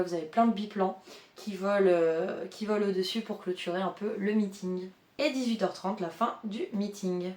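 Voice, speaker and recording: A woman's voice: medium pitch, a little mellow, reverberant. A woman of twenty-nine, chatting casually in a vlog with many fillers as she reads out a schedule. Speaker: vlogger, airline pilot student.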